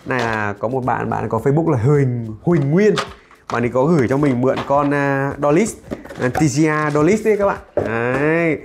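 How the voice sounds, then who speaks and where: A man's voice: medium pitch, moderate pace, background noise. Chatty man unboxing. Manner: chatty, jokey, talks while handling items. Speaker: tech reviewer host. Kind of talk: casual unboxing chat.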